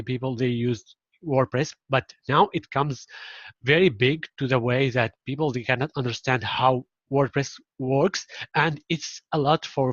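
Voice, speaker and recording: A man from Syria, speaking as a guest over a video call. His audio is muffled and lo-fi, with no room echo at all. He explains things patiently, with many fillers and restarts. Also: mid-range voice. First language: Arabic. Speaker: guest, marketing implementation director. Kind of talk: casual interview answers.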